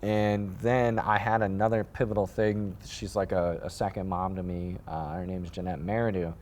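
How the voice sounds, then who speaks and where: A man in his thirties from the American Midwest, a sneaker designer telling his story in a casual interview, rambling and animated, with lots of fillers and restarts. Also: deep voice, normal speed. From Midwest United States.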